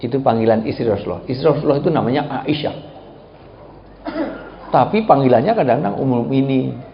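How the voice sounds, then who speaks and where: A man with a Javanese accent giving a humorous sermon, telling stories and acting out quoted voices with high shouts. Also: fast talker, vocal fry, a little hiss or hum. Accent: Indonesian, Javanese. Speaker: preacher. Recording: roomy, dull sound with faint ambience.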